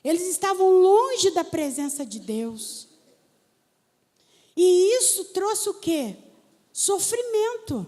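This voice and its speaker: A woman pastor preaching a sermon, telling stories and talking straight to the congregation in an animated way. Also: very high-pitched, takes it slowly, long pauses. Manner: animated storytelling preacher, talks to the congregation directly. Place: church hall. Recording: church hall with long reverb.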